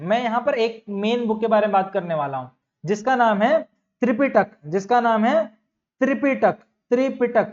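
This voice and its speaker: A young man teaching an exam-prep lecture in a fairly high voice. He repeats key terms and throws questions at the class, calling his students bhaiya. The recording sounds dull and lo-fi. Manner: addresses students as bhaiya and bachcha.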